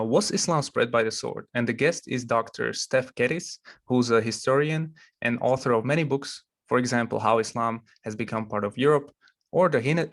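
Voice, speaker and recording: A man hosting an interview, asking relaxed, hesitant questions with many fillers. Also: medium pitch, gravelly. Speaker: interview host. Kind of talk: casual interview.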